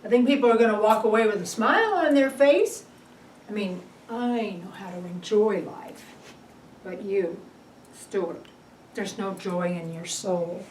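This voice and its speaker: A woman's voice: medium pitch, a little slow, darkish tone, a little hiss or hum, close to an everyday voice, poor audio. An older woman playing a blunt, long-married wife who teases her husband in a dry way. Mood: wistful. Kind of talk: film drama acting.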